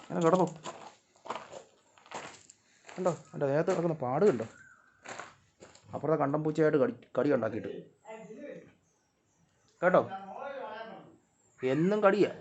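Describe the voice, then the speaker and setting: A man's voice: fairly high pitch, expressive, moderate pace, pauses often, muffled recording. A man, vlogging in casual talk as he coaxes and calls out to his cats outdoors at home. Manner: coaxing, calls out loudly to the cats.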